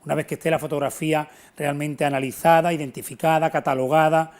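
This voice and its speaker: Here the Antequera historian, a middle-aged man from southern Spain, talks quickly in a higher voice with a flat delivery. As a guest in an unscripted TV interview, he explains things earnestly and with emphasis.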